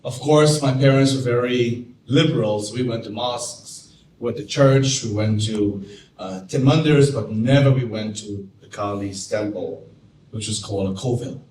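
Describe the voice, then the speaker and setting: A man from Trinidad and Tobago tells a personal story at a moderate pace in an ordinary-pitched voice, growing more animated as he recalls moments of wonder. He sounds somewhat distant in an echoey room with faint noise underneath.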